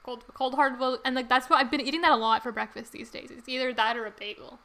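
A woman's voice: sits high, fairly even intonation, fast, sharp tone. A young woman co-hosting a podcast, chatting casually with a friend, giggly and full of fillers. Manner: bubbly, giggly, lots of fillers. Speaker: podcast co-host. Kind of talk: casual chat.

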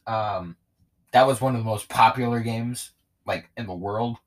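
A man's voice: mid-range voice, moderate pace. A man co-hosting a casual podcast, rambling through jokey gamer banter. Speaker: podcast co-host. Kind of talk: casual chat.

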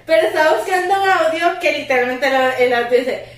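A woman's voice: sits high, a little fast. A Costa Rican woman co-hosting a podcast, telling gossip in a casual, slangy and playful way. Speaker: podcast co-host. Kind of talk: casual chat, gossipy storytelling. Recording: echoey room, distant mic.

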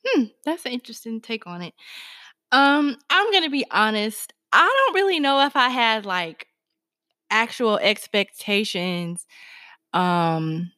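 A young woman co-hosting a podcast, telling stories in an animated, dramatic way. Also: on the high side, unhurried, dry recording, clean studio sound. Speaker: podcast co-host. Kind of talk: casual chat.

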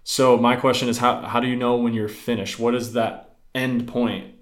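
A man's voice: medium pitch, level tone, normal speed. A young man hosting a podcast, chatting casually and laughing easily as he asks questions. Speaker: podcast host. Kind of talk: casual interview chat.

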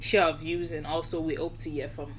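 A woman's voice: deep voice, little pitch movement, a little fast, a little hiss or hum. A young woman from Nigeria co-hosting a casual podcast, telling her story in an earnest, reflective way. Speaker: podcast co-host. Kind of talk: casual chat.

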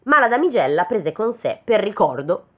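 A woman's voice: medium pitch, sing-song. A woman reading a fairy tale aloud, breaking off to make joking comments. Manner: reads slowly, then breaks off into joking comments. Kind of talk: casual read-aloud with chatty asides. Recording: tinny phone-like sound.

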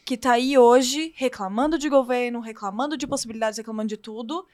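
A woman hosting a podcast speaks in a measured, earnest way, her voice fairly high. She drives her point home by repeating phrases, and the recording sounds dry and close. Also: darkish tone, no room sound. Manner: measured, earnest, makes a point through repetition. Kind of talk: podcast conversation.

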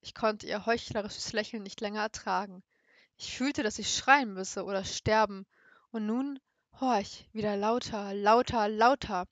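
A woman's voice: medium pitch, a little slow, no echo. Dry-voiced woman reading a story. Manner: intense reading that builds up. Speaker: story reader. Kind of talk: dramatic story reading and casual chat.

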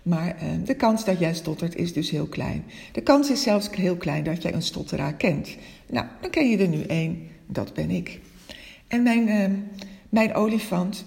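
A woman coach talks through a personal, reflective monologue in a gentle, open way. Her voice has a gravelly fry, and now and then she stutters on a word or swaps in another one. The recording has a long, lingering reverb. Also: lowish voice. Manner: stutters now and then, searches for other words, speaks gently and openly. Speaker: coach and podcast host.

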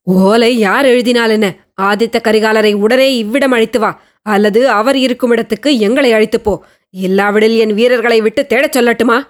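A woman's voice: a little high, steady tone, moderate pace, lightly acted. A woman reading the part of an angry old chieftain who roars threats and demands his grandson. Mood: furious. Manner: commanding, thunderous demands.

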